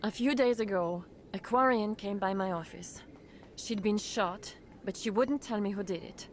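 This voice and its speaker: A woman's voice: mid-range voice, normal speed, slight background noise, close to an everyday voice. A woman playing an earnest, shaken clinic doctor in a video game. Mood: earnest explaining.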